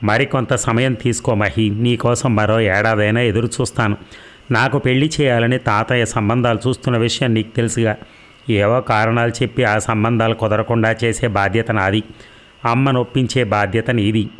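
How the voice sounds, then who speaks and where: A man's voice: on the low side, fairly even intonation, normal speed, natural voice. A man reading a pleading young woman. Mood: coaxing. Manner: pleading, emotional delivery.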